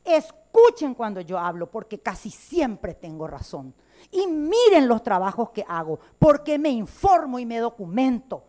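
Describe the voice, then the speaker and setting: A woman lawmaker with a Paraguayan Spanish accent delivers a floor speech in the chamber. Her voice sits a little high, and she speaks emphatically, with indignation and fight. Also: big pitch swings, a little slow, dark tone. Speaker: legislator. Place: legislative chamber.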